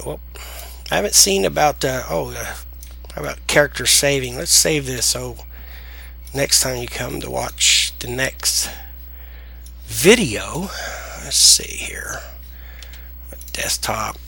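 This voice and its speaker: A man with a deep Southern US accent and slightly slurred S sounds, giving a casual, halting, rambling software tutorial. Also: vocal fry, slightly rough. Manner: halting, rambling delivery with trailing sentences. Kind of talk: casual unscripted screen tutorial.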